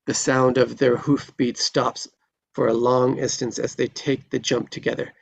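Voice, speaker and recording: Stage directions from a screenplay are read by a man narrating at a live table read, in descriptive storytelling fashion. He has a creaky mid-range voice, a level tone and a moderate pace. The recording is dull, lo-fi and faintly noisy.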